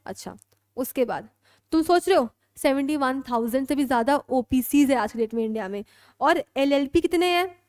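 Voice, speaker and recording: High-voiced Indian woman teaching law. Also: expressive, normal speed, a little mellow, no echo, clean studio sound. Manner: mixes Hindi and English, keeps checking students understand. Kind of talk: classroom lecture.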